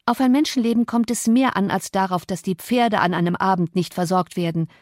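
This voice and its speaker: A woman's voice: mid-range voice, fairly quick, a little mellow, no echo, clean studio sound, natural voice. A woman voicing a cold, spiteful young mistress of the house who speaks cuttingly and curses. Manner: cutting, cursing.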